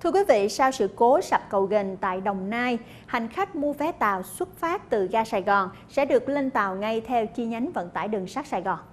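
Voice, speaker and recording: A woman's voice: a little high, lively intonation, normal speed, hardly any pauses, slight background noise. A young woman presenting the news in a TV studio with a formal, composed delivery. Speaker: news anchor.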